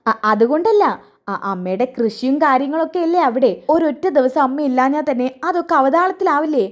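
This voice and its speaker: Woman doing a sly grumbly mother-in-law, high voice, grudging. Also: lively intonation, fairly quick. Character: scheming resentful middle-aged mother-in-law.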